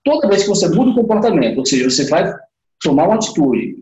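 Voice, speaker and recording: A man's voice: sits high, very animated, fast talker, a little mellow, reverberant, low-quality recording. Chatty man teaching live. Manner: chatty, talks straight to viewers with many fillers. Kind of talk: casual live lecture.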